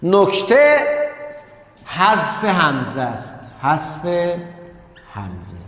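A man's voice: a little high, wildly swooping pitch, a bit bright. A man teaching an online class, explaining step by step, repeating key words and turning often to address his pupils. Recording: echoey room with long reverb.

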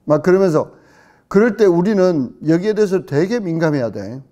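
A middle-aged male pastor giving a casual Bible-study sermon, acting out questions with sudden loud outbursts and dropping in English words. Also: sits high, lively intonation, moderate pace, lo-fi sound.

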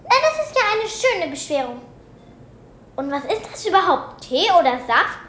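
Woman doing a strict storybook teacher, scolding, loud, high, echoey room. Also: expressive, unhurried, a little hiss or hum. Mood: stern. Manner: stern, raised scolding voice. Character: strict female schoolteacher, quick to scold. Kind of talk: storybook reading. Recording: roomy echo.

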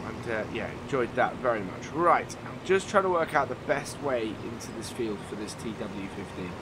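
Commentating casually on a farming game, a let's play host thinks aloud with many fillers at a normal speed. His mid-range voice has lively intonation and a slight nasal tinge from an oncoming cold, and the game's vehicles are clearly audible behind the voice-over.

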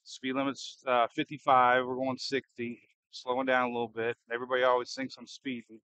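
A man with a bright, forceful voice in a close, dry-sounding recording. He talks like a storm chaser live from behind the wheel, casual and a little edgy, thinking aloud and repeatedly asking questions. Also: medium pitch, little pitch movement, a little fast, no room sound, low-quality recording. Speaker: storm chaser and livestream host. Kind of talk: casual live commentary while driving. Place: inside a moving car in a storm.

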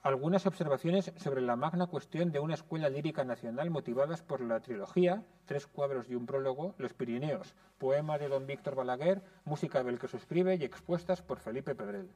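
A man giving a prepared lecture in a conservatory classroom, speaking in a measured, explanatory way. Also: mid-range voice, warm tone, distant mic.

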